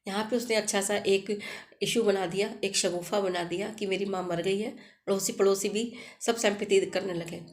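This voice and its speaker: A woman's voice: mid-range voice, steady tone, moderate pace. A woman storyteller narrating a family tale in a plain, conversational voice. She stops and restarts now and then as she goes. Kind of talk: casual spoken storytelling.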